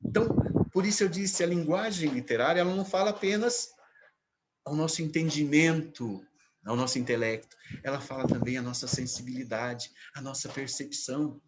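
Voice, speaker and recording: A man teaching literature, lecturing on poetry and slowing down to stress quoted phrases. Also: a little high, heavy background noise.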